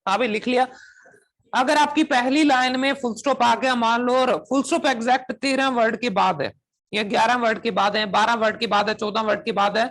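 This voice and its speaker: A man's voice: extremely high pitch, steady tone, brisk, a bit bright. Male PTE teacher quizzing his class. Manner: keeps checking if students understand, drills with questions; switches between Hindi and English demonstration phrases. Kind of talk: classroom lecture to students.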